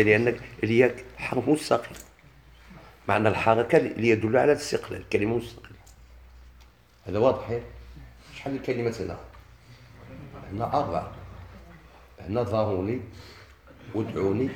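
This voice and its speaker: A man with a Moroccan Arabic accent teaching a lesson, asking questions and chanting verses slowly. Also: mid-range voice. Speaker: Quran recitation teacher. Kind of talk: lesson explaining a classical text. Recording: echoey room with faint noise.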